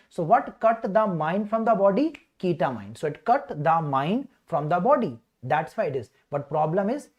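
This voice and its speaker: With a fairly high, slightly mellow voice, a North Indian-accented man teaches a medical exam revision session. He chants key words, prompts his students with questions, and mixes in Hindi phrases as he goes.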